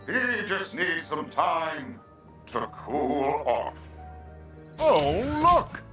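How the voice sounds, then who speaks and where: Slow, bright-voiced eccentric scientist. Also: male voice, a little high, faint music behind. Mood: musing, curious. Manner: precise, deliberate, wondering. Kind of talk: video game character acting.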